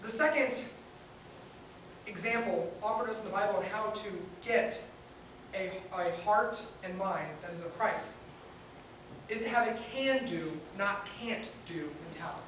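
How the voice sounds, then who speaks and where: Her voice medium-pitched and fairly bright, a woman preaches a little slowly into a pulpit microphone, earnestly building each point in short listed phrases. The recording comes from far off in a very echoey hall, with faint hiss.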